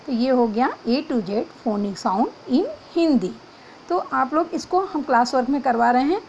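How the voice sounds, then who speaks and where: A woman teacher giving a class lesson for young children, spelling out letters and dictating slowly. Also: high voice, expressive, a little mellow. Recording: slightly dull, faint background hiss.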